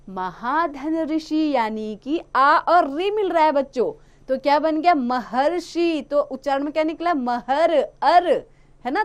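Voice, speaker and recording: A woman teaching a grammar lesson to children, explaining step by step and asking questions she answers herself. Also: sits high. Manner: addresses children, often drawn-out words.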